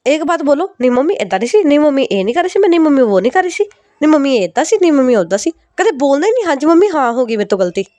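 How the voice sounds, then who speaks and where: A woman's voice: sits high, very animated, mellow, no room sound, pitched above the performer's own voice. Scolding Punjabi mum, lecturing and raised, put on by a woman storyteller. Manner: scolding, lecturing, rapid-fire complaints. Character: scolding middle-aged Punjabi mother.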